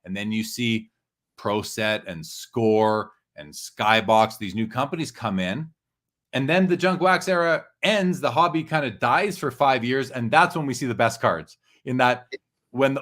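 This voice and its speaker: A man's voice: medium pitch, animated, unhurried, a bit bright. A man casually discussing and explaining his views as a talkative, opinionated show commentator.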